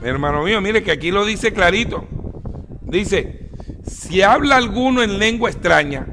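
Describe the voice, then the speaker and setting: Male preacher, high gravelly voice, emphatic sermon, echoey hall with faint noise. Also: animated, unhurried. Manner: emphatic, rising to near shouts; addresses listeners as "hermano mío".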